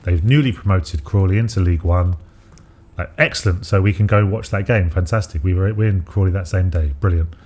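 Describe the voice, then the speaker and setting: A man's voice: sits low, brisk, darkish tone. A man co-hosting a podcast in casual chat, rambling with many fillers and restarts. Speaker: podcast co-host.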